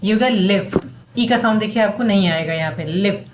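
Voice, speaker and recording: A woman's voice: medium pitch, fairly quick. Woman teaching phonics, sounding out letters. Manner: breaks words into sounds, spells letters aloud, self-correcting. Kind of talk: classroom-style lesson explaining syllables. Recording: faint background noise.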